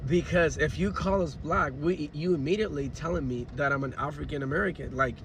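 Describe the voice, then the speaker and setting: A man delivers a blunt, emphatic rant straight to the camera. His voice sits a bit high for a man, and loud outdoor traffic noise runs underneath him. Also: a little fast, low-quality recording. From Dominican Republic. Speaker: content creator.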